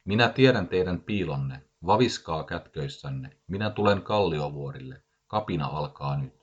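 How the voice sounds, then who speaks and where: A man's voice: very deep voice, lively intonation, breathy edge, highs cut off, exaggerated voice. A man playing a paranoid ranting gunman. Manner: ranting, threatening accusations. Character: paranoid furious male gunman about forty.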